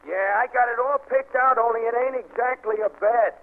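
Very high-voiced dim Marine private. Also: male voice, fairly quick. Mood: naive. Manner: folksy, naive. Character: dim, earnest, malaprop-prone male Marine private. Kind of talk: old-time radio comedy acting. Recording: tinny, hissy old radio recording.

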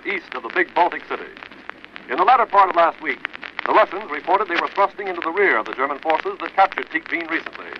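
An American man reading a formal, declamatory 1940s radio newscast in an old newsreel manner. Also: fairly high pitch. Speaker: radio news announcer. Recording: noisy, muffled 1940s radio broadcast. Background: loud radio noise.

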